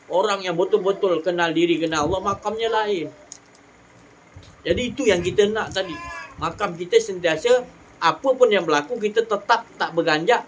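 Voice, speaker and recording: A religious teacher gives a sermon, animated and rising and falling in pitch for emphasis. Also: a little hiss or hum.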